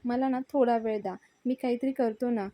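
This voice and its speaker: A woman reading a calm young man, placating replies, mellow tone, dry close sound. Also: fairly high pitch, normal speed, no room sound, natural voice.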